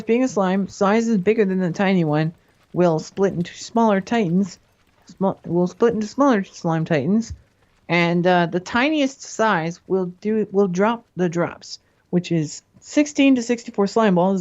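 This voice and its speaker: Guest explainer, steady mid pitch, muffled dull mic. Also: moderate pace. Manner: methodical, restarts sentences. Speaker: guest mod author. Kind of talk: explaining game mechanics.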